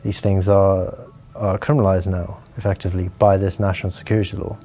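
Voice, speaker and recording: A man's voice: low-pitched, little pitch movement, brisk, gravelly, warm tone. Man with a disguised voice, earnest. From Hong Kong. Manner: earnest, explanatory, with frequent restarts. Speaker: interviewee. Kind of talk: explaining, measured interview talk.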